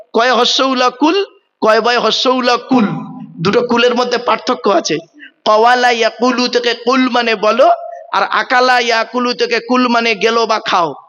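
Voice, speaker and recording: Guy with a high voice preaching at a big gathering, keeps asking the crowd stuff, long hall echo, dull lo-fi sound. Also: bright, forceful tone. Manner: quizzing the crowd, stressing pronunciation. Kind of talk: Bengali waz sermon. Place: large outdoor religious gathering.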